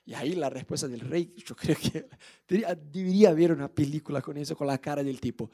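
A man preaching in a casual, humorous storytelling style. His voice sits high but sounds mellow and warm. He keeps up a lively, jokey retelling. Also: quick pace.

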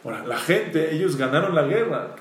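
A man who is a rabbi, telling a Torah story in a sermon and quoting Hebrew verses with animated emphasis. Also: fairly high pitch, fairly quick. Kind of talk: Torah lecture. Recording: echoey room, mic at a distance.

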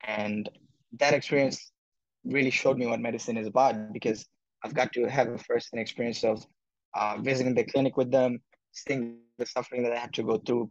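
A man's voice: medium pitch, dry recording, lo-fi sound. A man from Bangladesh, a medical student, answering interview questions with many fillers and restarts.

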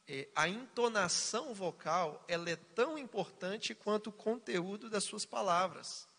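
A man's voice: high-pitched, vocal fry, bright, forceful tone, breathy edge, long reverb tail. A man co-hosting a casual faith-based family talk, explaining points with jokey asides. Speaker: co-host of a family talk show.

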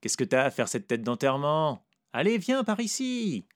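A man's voice: a little high, very animated, normal speed, dry recording, studio quality, voice pushed up. A man voicing a weary, blunt woman who coaxes and teases in a coarse, familiar way, reading a story aloud.

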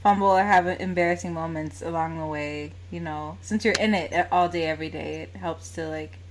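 A woman's voice: deep voice, steady tone, normal speed, noisy background. A woman with a standard American accent chatting casually and informally as she interviews someone, with an easy laugh in her talk. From United States. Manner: informal, chatty, laughs easily while talking. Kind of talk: casual chat.

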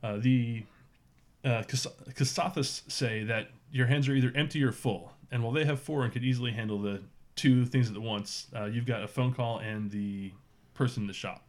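A man running a tabletop role-playing game as game master. He narrates the scene loosely and casually, filling pauses with ums and uhs. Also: medium pitch. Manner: relaxed, loose, many fillers.

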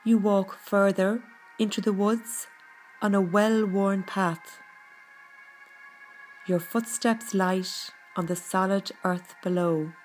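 A woman leads a guided meditation at a very slow, measured pace. Her delivery is gentle and soothing, with a mid-range pitch. Soft music plays faintly behind her scripted narration. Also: fairly even intonation, rough recording. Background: background music.

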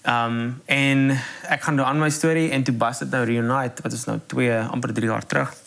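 A man from South Africa in his thirties, a drummer guest in a casual podcast chat. He tells his story with energy and laughs often. He acts out what other people said. His voice sits at an ordinary mid pitch. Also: steady tone, normal speed, creaky, a bit bright.

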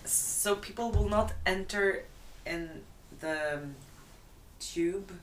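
A woman's voice: mid-range voice, slow, a little hiss or hum. A woman in casual chat, hesitant and searching for her words. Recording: roomy, distant mic.

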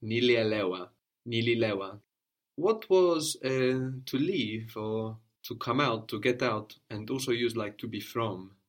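Male tutor, mid pitch, patient drilling style, repeats and corrects. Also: unhurried. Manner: patient, prompting questions and repeating answers. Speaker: language teacher. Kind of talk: one-on-one language lesson.

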